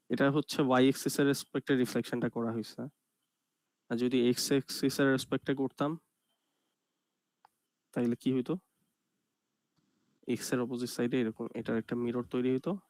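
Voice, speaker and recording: Soft-spoken male lecturer. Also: medium pitch, dry recording. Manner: explains step by step, often asks "ঠিক আছে?"; speaks softly and slowly on purpose. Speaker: computer graphics lecturer. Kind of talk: online lecture.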